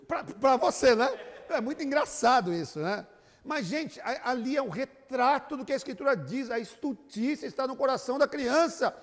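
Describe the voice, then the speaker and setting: A man with a Brazilian accent, a pastor giving a church talk to couples, telling animated family stories and tagging his sentences with a questioning aside. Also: very high-pitched, moderate pace. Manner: animated storyteller, acts out family scenes; tags sentences with "né?". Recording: long reverb of a church hall.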